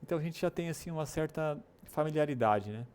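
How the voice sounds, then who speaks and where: A man's voice: on the high side, lively intonation, fast, a little mellow, clean tone. Brazilian man teaching a pronunciation lesson. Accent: Brazilian Portuguese. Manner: explanatory, frequent tag questions. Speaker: English teacher. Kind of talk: online lesson.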